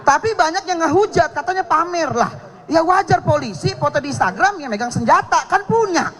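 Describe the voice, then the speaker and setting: A man's voice: very high-pitched, lively intonation, a little fast, bright, forceful tone. A young man performing a joking stand-up comedy routine, addressing the audience directly.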